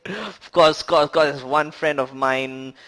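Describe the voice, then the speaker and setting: A man's voice: fairly high pitch, measured pace, a bit bright. A man co-hosting a casual movie review chat, rambling with many fillers and laughing often. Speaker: podcast co-host.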